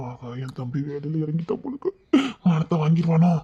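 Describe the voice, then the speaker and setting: A man playing a fast-talking teasing young husband. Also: a little high, husky. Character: young husband bantering with in-laws. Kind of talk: audio drama acting. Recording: dull, muffled recording.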